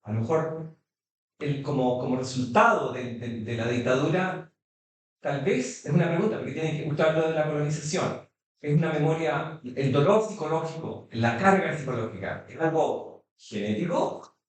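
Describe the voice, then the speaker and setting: A man from the audience asks a question, hesitant and searching for words with many restarts. His voice is fairly high for a man. He sounds distant in a strongly echoing hall. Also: moderate pace. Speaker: audience member asking a question. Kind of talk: questions from the floor. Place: consulate event hall. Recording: echoey hall, distant mic.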